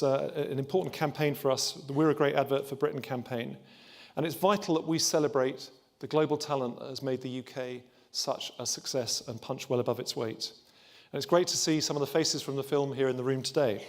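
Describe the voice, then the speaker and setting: A man, a trade body's chief executive, giving an upbeat welcome speech to open a conference, with a few restarts. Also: medium pitch. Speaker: trade body chief executive opening a summit.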